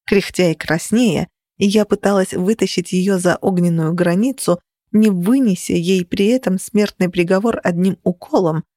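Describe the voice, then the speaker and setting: Dry, expressive woman narrating an audiobook. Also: lowish voice, normal speed, few pauses, no room sound. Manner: expressive, dryly ironic. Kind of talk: first-person fantasy audiobook narration.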